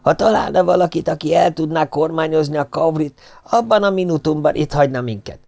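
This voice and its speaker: A boastful, scheming sailor speaks with a raised, lecturing tone and smooth lies, as a male reader puts him on. He talks down to his listener in a tight, dry recording. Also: on the high side, darkish tone, no room sound, voice pushed up. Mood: wheedling. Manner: condescending, smoothly lying.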